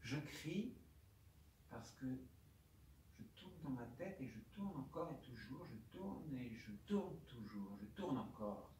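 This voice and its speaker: Slow, halting man in a roomy hall. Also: mid-range voice, animated, darkish tone, slight background noise. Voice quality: speech marked by aphasia. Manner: halting, repeats words and phrases. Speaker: doctor giving a conference talk. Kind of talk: personal testimony lecture. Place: conference room. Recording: roomy hall, distant mic, faint ambience.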